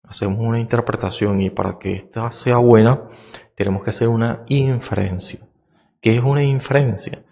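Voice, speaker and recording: Slow, gravelly-voiced man musing philosophically. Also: fairly low pitch, darkish tone. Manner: slow, thoughtful, with many fillers and rhetorical checks; explaining like a teacher. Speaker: podcast host. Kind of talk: reflective philosophical monologue.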